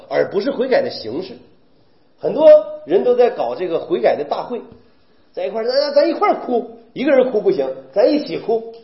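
Male preacher, animated, full of rhetorical questions; roomy, dull recording. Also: high-pitched. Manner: animated, rhetorical questions, mimics weeping believers. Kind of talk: sermon.

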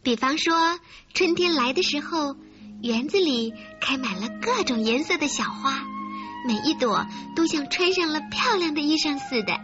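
A woman hosting a children's story programme, talking directly to young listeners in an expressive, coaxing storyteller's way. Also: sits high, normal speed. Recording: muffled recording with faint music.

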